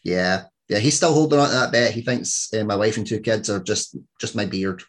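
Hosting a casual podcast interview, a Scottish man in his thirties meanders through anecdotes and keeps restarting. His voice is lowish and his pace brisk.

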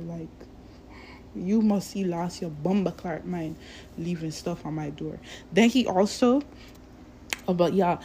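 A woman's voice: on the low side, creaky, dark tone, slight background noise. A woman vlogger talking in a casual, profane, rambling rant to her viewers. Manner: profane, rambling, drawn-out delivery. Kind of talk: casual ranting monologue.

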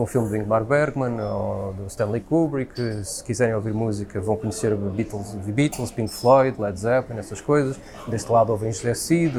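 This European Portuguese man's medium-pitched, darkish voice carries spontaneous opinions in a conversation. He says them emphatically and keeps repeating his points.

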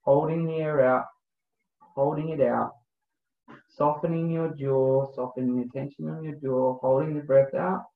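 A man's voice: a little high, steady tone, vocal fry. A man working as a breathwork coach, leading a guided breathing meditation in spaced, instructional phrases. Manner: slow, spaced instructional phrasing when guiding. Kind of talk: guided breathing meditation, then casual explanation. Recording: thin phone-like sound, roomy echo.

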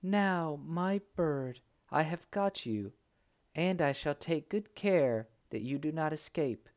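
A woman's voice: low voice, expressive, slow pace, darkish tone, pitched above the performer's own voice. A man voicing a brave young princess in disguise who speaks politely and firmly. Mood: resolute. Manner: polite, resolute.

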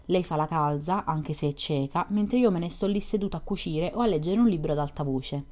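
A woman reading an audiobook, voicing a lively, curious young woman who chats and teases with questions. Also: low voice, brisk, natural voice. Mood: chatty, teasing. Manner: chatty, teasing, questioning.

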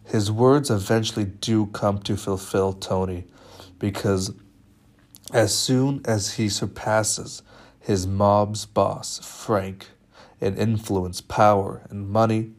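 A young man presenting a media studies film analysis in a measured, slightly halting way. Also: lowish voice, fairly even intonation.

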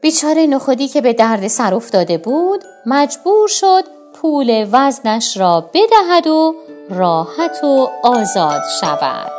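Brief: woman storyteller for kids, high, animated, addresses children directly. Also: faint music behind.

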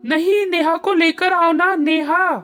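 A woman's voice: high-pitched, unhurried, voice pushed up. A woman voicing a terrified young wife and mother who pleads through tears and screams in panic in a horror story. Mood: pleading tearful.

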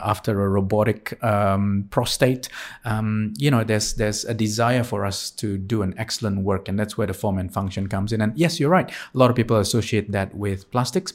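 Soft-spoken thoughtful man, slightly low voice. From Singapore. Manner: thoughtful, with frequent hesitations and restarts. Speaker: surgeon guest. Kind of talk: casual interview answers.

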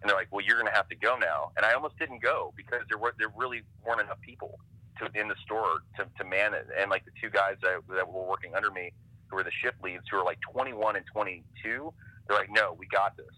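A man from Ohio, a comic creator, telling stories as a podcast guest in a quick, animated way with lots of "like". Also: on the low side, dry recording, rough recording. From Ohio, USA. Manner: rapid, animated, heavy use of "like". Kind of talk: casual interview storytelling.

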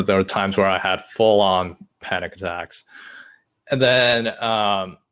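A Chinese man in his twenties, a native Chinese speaker, tells his story as a podcast guest in casual chat. His voice sits low with a fairly bright tone, and he's hesitant and long-winded, with frequent pauses and many "uh" fillers.

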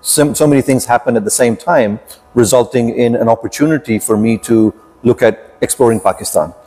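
A man speaks as a podcast guest. His voice is mellow and warm, sitting at a middle pitch. He talks in a measured, reflective way, pausing often as he recounts his life. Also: slightly rough. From United Kingdom. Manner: measured, reflective storytelling with frequent pauses. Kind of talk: podcast interview.

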